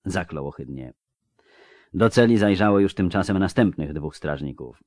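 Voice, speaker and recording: A deep-voiced male narrator reads a fantasy novel with expressive, varied emphasis. His pitch swings lively across lines. The close mic leaves the sound dry, with no room behind it. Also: moderate pace, no room sound. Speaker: audiobook narrator. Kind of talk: scripted narration.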